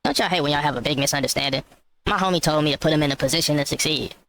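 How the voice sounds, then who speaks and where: A man's voice: on the high side, very fast, creaky, bright, forceful tone. A man delivering a mock-serious comedy monologue, insisting on absurd claims. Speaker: skit comedian.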